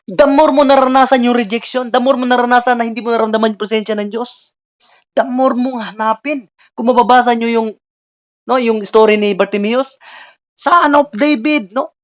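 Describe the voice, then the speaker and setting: A woman's voice: a little high, fairly even intonation, fairly quick. A woman preaching earnestly at an online Bible study over a video call, often tagging her lines with a questioning "no?". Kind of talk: online sermon.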